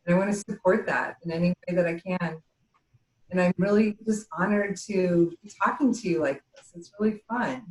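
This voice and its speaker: A woman's voice: on the low side, moderate pace. Chatty woman guest on a roomy call. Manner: warm, grateful, chatty with small restarts. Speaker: podcast guest, spiritual channel. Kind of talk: casual interview chat.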